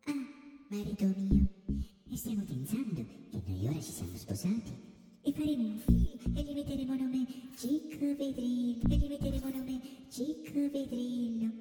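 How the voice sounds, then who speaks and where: A woman's voice: rumbling low, wildly swooping pitch, slow, full character voice. A woman voicing a simple-minded young bride who wails in dramatic lament, in a folk-tale radio play with music. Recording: echoey hall with loud music.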